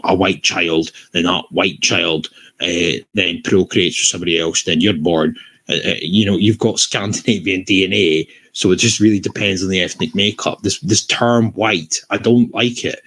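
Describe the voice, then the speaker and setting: A man's voice: sits low, fairly bright tone. A Scottish man hosting a livestream discussion, blunt and swearing, restarting his sentences often.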